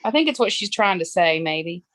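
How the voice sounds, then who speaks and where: A woman's voice: fairly low pitch, expressive, normal speed, a bit bright, dry recording, studio quality. A woman taking part in a live paranormal session, talking in casual conversation. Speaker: participant in a live spirit box session. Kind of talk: casual chat.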